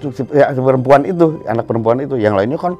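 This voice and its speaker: A middle-aged man from Bandung, a band musician, telling a story in an animated way on a casual podcast and acting out scenes with sound words. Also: medium pitch, very fast, dull audio. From Bandung, Indonesia.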